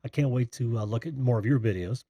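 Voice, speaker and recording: An American man from Indiana with a breathy voice, hosting a casual live call-in stream in a rambling, familiar way as he greets viewers. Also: medium pitch, quick pace, warm tone, no echo, lo-fi sound. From Indiana, United States. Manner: rambling, distracted, friendly familiar address. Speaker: host of a live call-in show.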